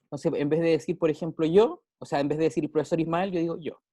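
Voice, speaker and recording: A man's voice: on the high side, steady tone, fast, warm tone, no echo. A male teacher with a Chilean accent, explaining grammar in a casual way with everyday examples and frequent check-ins with his pupils. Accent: Chilean Spanish. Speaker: English teacher.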